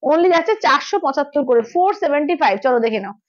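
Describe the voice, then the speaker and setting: A hoarse woman with a cold, selling sarees on a live stream in a brisk, repetitive sales pitch. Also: animated, no room sound, lo-fi sound. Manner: brisk, repeats prices, keeps asking "okay?".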